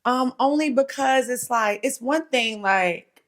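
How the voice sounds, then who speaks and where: A woman's voice: a little high, unhurried. A young woman guest co-host chatting casually on a podcast, a little nervous but laid-back. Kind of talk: casual chat.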